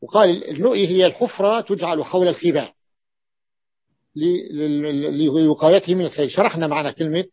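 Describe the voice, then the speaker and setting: Man teaching, slow and repetitive. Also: a little high, husky, dry recording. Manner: explains slowly, repeating words and patterns. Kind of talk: classroom grammar lesson. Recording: dull lo-fi dry recording.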